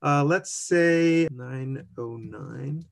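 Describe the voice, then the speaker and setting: Speaking extremely slowly in a mid-range voice with vocal fry, a chatty man co-hosts a casual screen-share of an online immigration form. He goes step by step, thinking aloud in an easygoing tone and laughing lightly at his slips.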